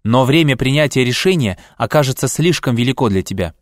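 A man voicing a weary, centuries-old man who speaks in a tired, gentle and measured way in an audiobook. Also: medium pitch, dry recording, clean studio sound, close to an everyday voice. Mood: earnest. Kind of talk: audiobook character reading.

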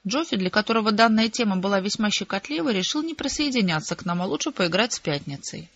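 An audiobook narrator reading a story in a wry, even storytelling manner. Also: mid-range voice, fast, no echo, dull audio.

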